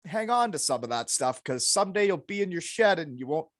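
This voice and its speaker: A man's voice: a little high, big pitch swings, brisk, no echo, clean studio sound. A middle-aged man hosting a podcast in casual chat, with an informal, blunt, encouraging way of talking. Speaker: podcast host, former hockey player.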